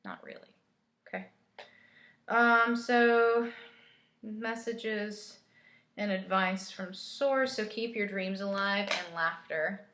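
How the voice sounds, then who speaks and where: A woman's voice: medium pitch, slow, pauses often, fairly bright tone, roomy sound. A woman giving a casual spiritual tarot reading, chatty and coaching, laughing easily as she talks. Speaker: tarot reader.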